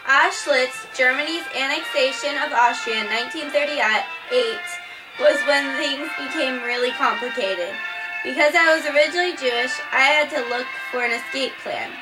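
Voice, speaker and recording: In a high voice at a moderate pace, a woman plainly and earnestly reads a scripted first-person history story. The mic is distant, and faint music plays in the background.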